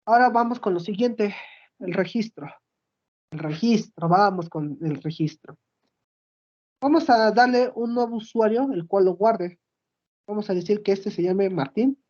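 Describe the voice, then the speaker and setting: A woman's voice: lowish voice, mellow, lo-fi sound. A woman explaining a database app step by step in a screen-recorded demo, checking in with her audience as she goes. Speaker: student presenting a project.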